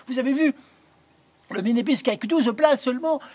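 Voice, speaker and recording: A frazzled middle-aged youth worker, as a man puts him on, lectures with mounting exasperation. The voice jumps high and tight, husky at the edges. Lines come in quick bursts. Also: a little mellow. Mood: exasperated.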